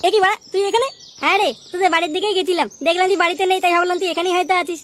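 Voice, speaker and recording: A woman's voice: very high-pitched, fairly bright tone, slight background noise. A woman voicing crude, slangy cartoon village boys in a comic dub. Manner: rapid, crude, slangy banter.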